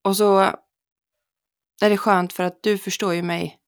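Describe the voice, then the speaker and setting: A woman with a gravelly, creaky edge talks things over in an earnest, reflective way. She replays conversations by acting out both sides. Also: medium pitch, level tone. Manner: reflective, earnest, mimics exchanges in dialogue. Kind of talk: casual chat.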